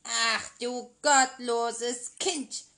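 A woman's voice: on the high side, steady tone, drawn-out words, pushed and bright, voice pushed up, heavily acted. A woman voicing an angry, scornful old sorceress in a children's fairy tale, scolding and mocking harshly. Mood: furious scolding.

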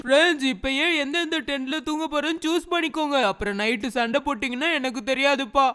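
A bossy but caring young cartoon camp leader with a high voice, played by a woman. He gives orders to his friends and promises to keep them safe. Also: steady tone, quick pace, a bit bright.

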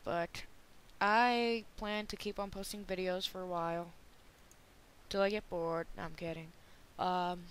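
A man's voice: sits high, level tone, measured pace, fairly bright tone, clear, resonant tone. A teenage boy giving casual, rambling gameplay commentary, joking around and slipping into silly voices. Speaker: gaming video creator.

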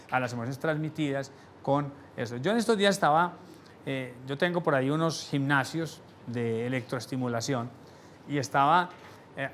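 Animated male sales trainer lecturing. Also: slight background noise. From Latin America. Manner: animated, shifts volume for emphasis, drops voice low on key points; rhetorical questions to the audience. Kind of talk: live sales seminar lecture.

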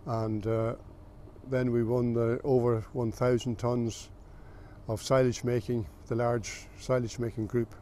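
An older man from the south of Ireland, a farmer recalling his family's history in a plain, unhurried way with small pauses. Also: medium pitch, little pitch movement, warm tone, slight background noise. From south of Ireland, County Meath. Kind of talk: oral history recollection.

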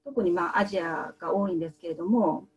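A woman in her thirties who works as a medical translator, answering interview questions in a soft, hesitant way with many fillers. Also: fairly low pitch, quick pace, rough recording.

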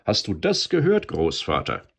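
A mischievous gnome father from a storybook, voiced by a man, teasing in a husky, hushed voice. His pitch leaps high when he is amused. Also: wildly swooping pitch, moderate pace, heavily acted. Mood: teasing whisper. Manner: giggling, teasing, often whispering. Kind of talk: storybook reading.

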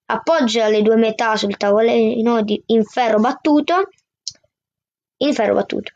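Brief: woman reader, higher voice, steady first-person narration, dry muffled audio. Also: normal speed, no room sound. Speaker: book reader. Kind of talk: reading a novel aloud. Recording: dull, dry lo-fi sound.

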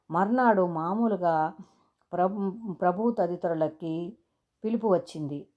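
Expressive woman reading a story. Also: on the low side. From India. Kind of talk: audio story narration.

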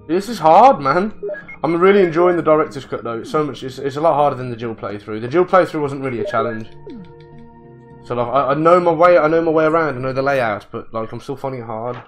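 A man commenting on his own gameplay, muttering to himself, swearing and getting excitable. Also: medium pitch, brisk, faint music behind. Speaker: let's play gamer.

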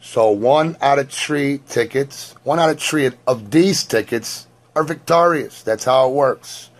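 A man hosting his own lottery ticket vlog from his home, hoarse from having lost his voice, talking in a crude, jokey, wordy showman manner. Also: medium pitch, measured pace. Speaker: host.

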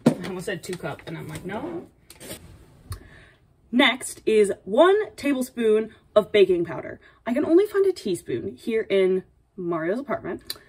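A woman's voice: medium pitch, sing-song, unhurried, breathy edge. A young woman playing a playful, sassy princess hosting a comedic baking tutorial, with dry asides and a mock-dainty manner. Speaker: baking video host. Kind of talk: comedic in-character cooking tutorial. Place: small home apartment kitchen, indoors. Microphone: camera a few feet away. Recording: distant kitchen camera microphone.

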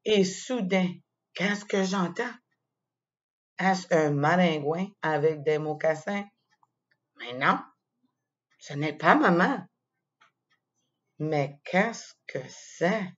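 A woman with a Quebec French accent tells a playful children's story at an unhurried pace. Her voice sits on the lower side and stays expressive. The sound is dull and lo-fi. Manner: playful, slow and expressive, with little laughs.

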